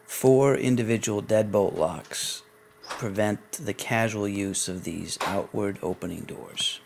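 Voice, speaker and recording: A man with a lowish voice reads a scripted promotional voice-over. His delivery is even and measured, with a faint hiss of noise under it. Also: gravelly. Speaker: narrator.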